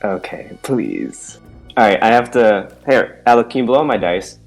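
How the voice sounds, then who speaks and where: An excitable player in casual role-play chat at a tabletop game, talking in halting phrases. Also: medium pitch, vocal fry. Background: background music.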